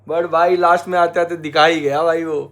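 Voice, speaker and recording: A young man, a travel vlogger telling the viewers a story in animated casual chat. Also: on the high side, moderate pace.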